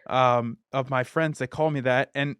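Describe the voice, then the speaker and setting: A man hosting a podcast interview, thanking his guest and telling a story in a relaxed, chatty way. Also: mid-range voice, moderate pace, clear, resonant tone, no room sound. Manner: relaxed storytelling, acts out quoted lines. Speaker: podcast host. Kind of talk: casual interview chat.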